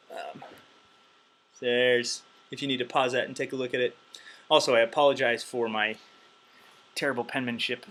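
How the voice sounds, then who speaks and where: Counting beats aloud amid plenty of ums, a caffeine-charged man gives casual, chatty drum instruction. His medium-pitched voice has a fairly bright tone, and the audio is poor.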